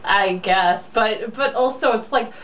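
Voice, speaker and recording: A woman whose voice runs on the high side and a bit bright takes her time reading a romance novel aloud as a co-host. She chats casually, mocking the story with blunt sarcasm and plenty of swearing. A distant mic captures her along with faint background noise.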